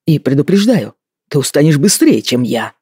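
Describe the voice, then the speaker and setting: A man's voice: a little high, moderate pace, breathy edge, no room sound. A man reading an audiobook voices a stern young husband who speaks firmly and evenly, with dry mockery. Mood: mocking. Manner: steady, even-toned.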